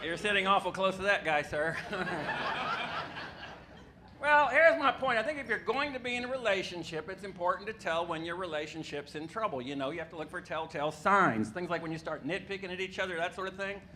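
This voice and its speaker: A man performing a stand-up comedy set on a club stage, dropping deadpan punchlines and talking to the crowd. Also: high-pitched, fairly quick. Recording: live club recording with audible room noise. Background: audience laughter.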